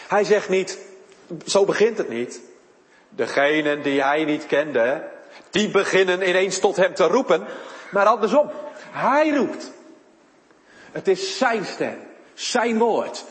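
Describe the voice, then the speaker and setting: A man's voice: fairly high pitch, reverberant, in a large hall. A man preaching a sermon in church, his voice rising and falling for emphasis. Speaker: pastor.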